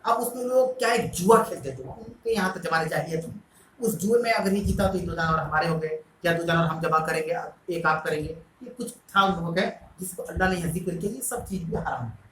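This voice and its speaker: A Quran teacher explains verses in a bright, clear-edged voice. Arabic lines are recited slowly, followed by explanation and questions to the class. The sound is roomy and echoing. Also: medium pitch, slight background noise.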